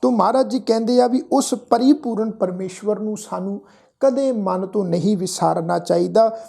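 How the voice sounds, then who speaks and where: A woman teaching Sikh scripture in a gentle devotional talk. She chants verses slowly and carefully and explains how to pronounce them correctly. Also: medium pitch, gravelly. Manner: slow, drawn-out chanting of verses with careful diction. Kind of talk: gentle devotional exposition with recitation.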